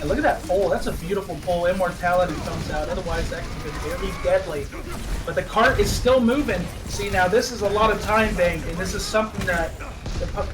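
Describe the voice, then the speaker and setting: Excitable high-voiced male esports caster. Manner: excitable, laughs at own slips. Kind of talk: play-by-play esports commentary. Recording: distant mic with background noise.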